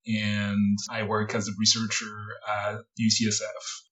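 A man's voice: lowish voice, monotone, measured pace, a bit bright, lo-fi sound. A man who grew up near Paris, a researcher guest speaking thoughtfully with frequent fillers. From France, Paris area. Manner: thoughtful, hesitant, many fillers, laughs lightly. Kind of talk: casual interview talk.

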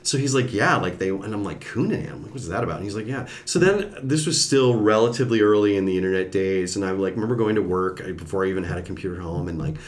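Fast-talking low-voiced man telling a story. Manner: animated, acts out quoted voices. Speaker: podcast guest, former TV executive. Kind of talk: casual storytelling.

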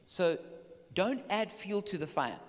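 A man preaching a sermon in short phrases that wait for an interpreter, acting out quoted replies with lively voices. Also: high-pitched, slow. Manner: animated, acts out quoted replies. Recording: long hall reverb.

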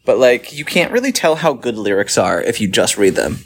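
A man's voice: mid-range voice, very animated, moderate pace. A young man co-hosting a casual chat, joking, laughing often and swearing freely. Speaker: podcast co-host.

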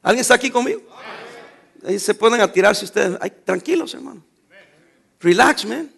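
A man preaches a sermon in a high, ringing voice. He drives his points home with call-and-response questions to his congregation. Now and then he breaks into teasing, scolding asides. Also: lively intonation, moderate pace, gravelly, fairly bright tone, husky. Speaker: pastor.

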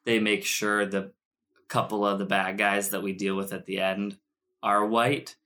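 A man co-hosting a casual film review podcast, joking and bantering quickly. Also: fairly low pitch, flat delivery, sharp tone. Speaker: podcast co-host.

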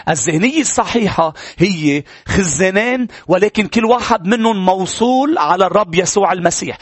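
A male pastor with a Lebanese Arabic accent preaches in a high, bright voice. He talks in earnest and presses his points through repeated phrases. The sound is close and dry, with no room echo. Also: lively intonation, fairly quick, breathy edge. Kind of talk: sermon.

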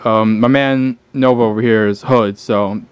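A man co-hosting a casual gaming podcast, talking in a low-key, dry and sarcastic way. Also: fairly even intonation, measured pace, clear, resonant tone, no room sound. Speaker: podcast co-host.

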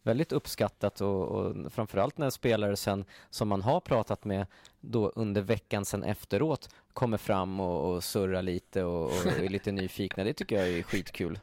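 A man co-hosting a casual podcast, telling stories in a chatty, animated way. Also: fairly low pitch, few pauses, no room sound. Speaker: podcast co-host. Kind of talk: casual chat.

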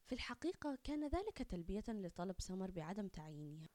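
A woman's voice: mid-range voice, very animated, fast, warm tone, dry recording, lightly acted. A woman voicing a curt, biased science teacher. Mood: defensive. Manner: curt, dismissive.

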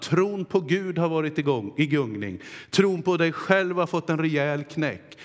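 A man preaching a sermon in earnest, with dramatic pauses, voicing God's words to his listeners. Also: fairly high pitch. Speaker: pastor. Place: church hall. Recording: long hall reverb.

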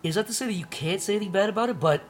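A man's voice: high-pitched, rapid-fire, faint music behind. A man chatting casually with friends, riffing in a crude, joking way. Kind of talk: casual chat.

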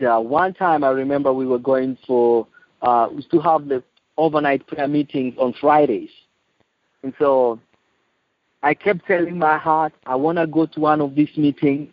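A man in his late thirties with a Kenyan accent, giving a personal testimony in a halting, earnest way. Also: a little high. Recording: muffled, echoey lo-fi phone call.

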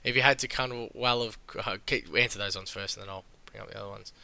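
A man's voice: on the low side, steady tone, fast, vocal fry, sharp tone. An Australian man hosting a casual sports podcast, reading out questions and chatting. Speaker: podcast host. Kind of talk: casual fantasy football podcast chat.

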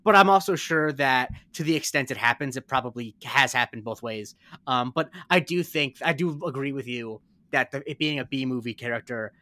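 A man's voice: mid-range voice, fairly quick, bright, forceful tone, dry recording. A man casually discussing a TV episode, thoughtful and hedging, with frequent ums and self-corrections.

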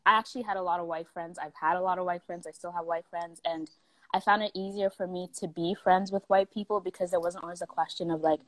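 Low-voiced woman telling a story. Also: fairly even intonation, fast talker, a bit bright, no echo. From South Africa. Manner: storytelling with many fillers, acting out quoted people. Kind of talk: casual chat.

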